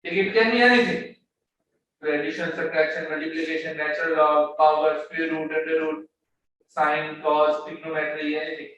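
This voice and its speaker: A man's voice: fairly high pitch, fairly even intonation, normal speed, a bit bright, dull audio. A man lecturing a class on economics, explaining step by step, often repeating words as he searches for the next one, and mixing English with Hindi-Urdu phrases. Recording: very echoey room, mic far off, faint background noise.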